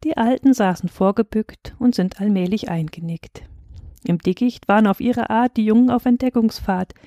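A woman narrating a rhyming Bible story for children, lively and changing her voice for the characters. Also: mid-range voice, no echo, studio quality.

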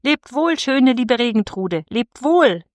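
A woman voicing a lively young village girl in a storybook reading, calling out in a raised voice. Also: mid-range voice, normal speed, no room sound, studio quality, close to an everyday voice. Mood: longing.

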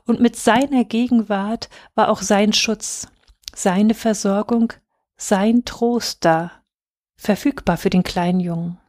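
Slow, calm woman narrating a story. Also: medium pitch. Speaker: audiobook reader. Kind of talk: scripted narration.

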